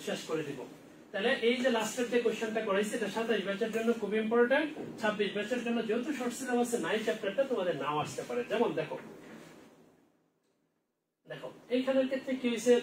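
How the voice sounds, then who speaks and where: A man drills an exam-prep chemistry class in a high voice, rattling off questions and answering them himself. He is recorded from a distance in an echoey room with a faint hum of ambience behind him. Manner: quizzing students and answering his own questions. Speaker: chemistry teacher.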